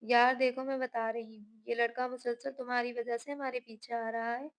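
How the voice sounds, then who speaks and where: A woman's voice: on the high side, little pitch movement, moderate pace, close to an everyday voice. A woman reading a mischievous chatty girlfriend.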